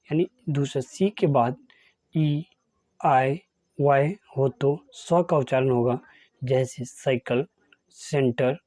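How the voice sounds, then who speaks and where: A man gives an English pronunciation lesson. He states each rule and then reads a list of example words one at a time. His voice is warm and mellow, and the recording is dry and close. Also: medium pitch, no room sound. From India. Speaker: English teacher.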